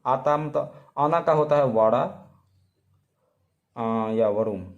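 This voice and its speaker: Casting: male tutor, mid-pitched voice, patient, repetitive, full of fillers. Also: lo-fi sound. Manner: repeats words slowly, with fillers. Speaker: language teacher. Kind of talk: casual spoken lesson.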